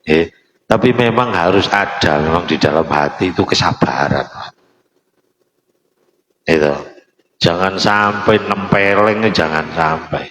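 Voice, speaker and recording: A man's voice: deep voice, unhurried, long pauses, a bit bright, slight background noise. An older man preaching a sermon with a Javanese accent, mixing Arabic recitation with chatty asides to the congregation. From Indonesia. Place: mosque hall. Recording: echoey mosque hall.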